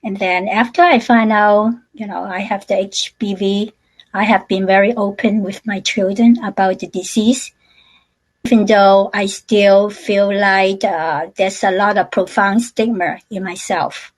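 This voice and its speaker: A woman from Hong Kong gives personal testimony as a panel speaker on a webinar, sharing her story in a halting way full of fillers and restarts. Her medium-pitched voice keeps a steady tone, and the recording is rough.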